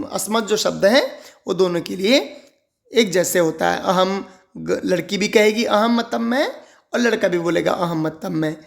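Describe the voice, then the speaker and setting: A man teaching a textbook lesson to children, reciting slowly and repeating each phrase with care. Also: high-pitched, creaky. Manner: slow, carefully spelled-out recitation and repetition.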